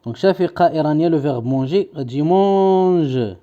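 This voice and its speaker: A man with a Moroccan Arabic accent, teaching a French lesson and explaining it in Darija. He says words slowly, repeats them and translates them. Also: on the high side, lively intonation, narrow, tinny audio.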